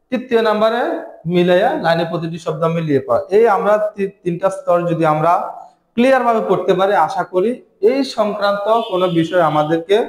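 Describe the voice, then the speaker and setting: A man teaching a reading lesson, patiently spelling out syllables one by one in a steady chant. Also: high-pitched, reverberant, low-quality recording.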